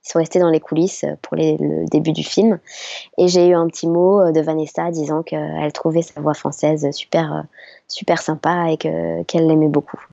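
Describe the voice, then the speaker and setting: A middle-aged voice actress telling stories in an interview, chatty and hesitant with many fillers. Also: female voice, low-pitched, little pitch movement, moderate pace, gravelly, dark tone, no room sound. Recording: slightly dull lo-fi sound.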